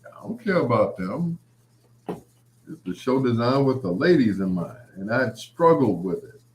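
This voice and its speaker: A man hosts a late-night show with a medium-pitched, very animated voice that is a little slow and a little mellow. He rambles casually through anecdotes, quoting past exchanges, and the roomy, echoing recording has slight background noise.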